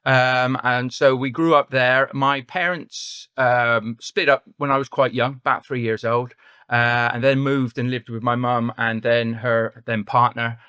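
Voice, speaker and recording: Chatty West Country Englishman, bright voice. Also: medium pitch, flat delivery, measured pace, smooth, dry recording, clean studio sound. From England. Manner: rambling, self-correcting, chatty. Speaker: podcast guest, property investor. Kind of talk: casual storytelling interview.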